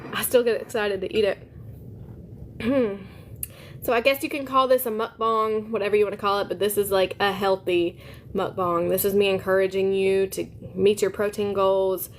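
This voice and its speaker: A woman's voice: medium pitch, little pitch movement, normal speed, slight background noise. A woman, chatting upbeat with live viewers while she eats lunch. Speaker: live-stream host. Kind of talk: casual live-stream chat while eating.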